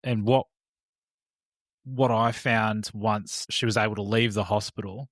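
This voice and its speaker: A man's voice: fairly low pitch, steady tone, a little slow, fairly bright tone, no echo. A man hosting a conversational interview, feeling his way tentatively toward his questions in fragments. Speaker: interview host.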